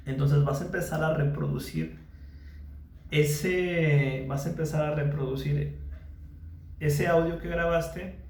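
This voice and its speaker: A man with a fairly high, gravelly voice, recorded in an echoey room. He is a psychologist guiding a mindfulness lesson. He is patient and repeats himself, checking in with the listener all the time. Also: fairly even intonation, takes it slowly, pauses often, a little mellow. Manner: patient, repeats phrases and checks in with frequent questions.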